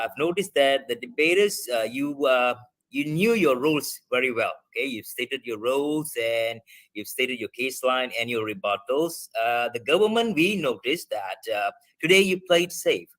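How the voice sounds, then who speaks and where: A man's voice: medium pitch, fairly bright tone. A man speaking over a video call as a debate judge, giving loose, filler-heavy feedback to students. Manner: rambling, many fillers and restarts. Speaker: debate adjudicator.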